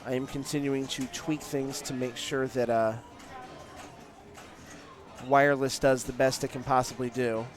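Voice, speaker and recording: A man's voice: medium pitch, little pitch movement, measured pace, pauses often, soft background music. A man calling a live tournament as play-by-play commentator, explaining at length with frequent fillers. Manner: analytical, long explanatory runs with fillers.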